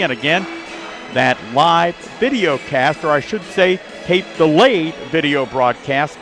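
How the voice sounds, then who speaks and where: A man with a slightly high voice hosts a live local sports radio broadcast from an indoor high school basketball gymnasium, using an announcer-like delivery. The pregame show includes sponsor reads, and a busy crowd and bouncing basketballs can be heard behind him.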